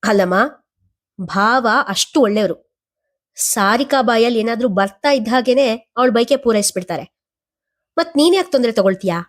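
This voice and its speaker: A woman's voice: a little high, animated, normal speed, pauses often. A woman voicing a blunt young man who questions his mother's demand for money. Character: blunt skeptical young man, her son.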